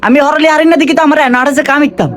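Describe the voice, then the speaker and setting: A man's voice: very high-pitched, steady tone, racing, a bit bright. A man acting a dim, argumentative tailor's apprentice in a comedy skit, speaking with a regional eastern Bangladeshi Bengali accent. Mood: indignant. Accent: regional eastern Bangladeshi Bengali dialect. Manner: argumentative, literal-minded. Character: dim, stubborn, back-talking male tailor's apprentice. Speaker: comedy sketch actor.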